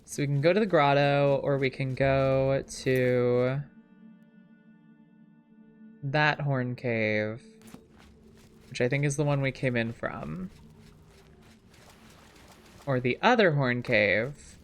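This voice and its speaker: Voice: medium pitch, slow pace, pauses often, clean tone, soft background music. A streamer giving casual, playful live commentary while playing a game, often chatting to the characters on screen.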